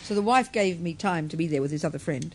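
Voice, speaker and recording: Husky-voiced woman teaching. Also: expressive, a little fast. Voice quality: husky, rough, deep voice. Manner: plain, conversational, tags phrases with "you know". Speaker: Buddhist teacher. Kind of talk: storytelling talk to a live audience.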